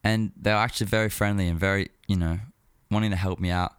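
Deep-voiced man chatting casually about music. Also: steady tone, quick pace, clear, resonant tone, dry recording, clean studio sound. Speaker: music show host.

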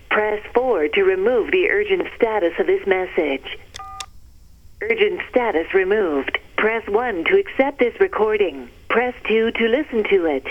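A woman's recorded voicemail system voice heard over a landline phone, reading out even, clipped instructions. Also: mid-range voice. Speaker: automated voicemail prompt. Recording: tinny phone line, faint hiss.

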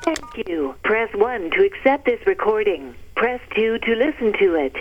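A woman's voice: medium pitch, unhurried. Woman's recorded voicemail prompt over a phone. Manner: even, clipped instructions. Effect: heard over a landline phone. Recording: tinny phone line, faint hiss.

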